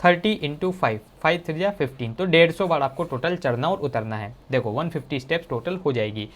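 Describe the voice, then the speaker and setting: In this exam-prep lesson, an expressive male teacher speaking a little fast in a slightly high voice explains exam answers one step at a time. He addresses students casually and directly, frequently calling them "bhai sahab", his talk full of English technical terms.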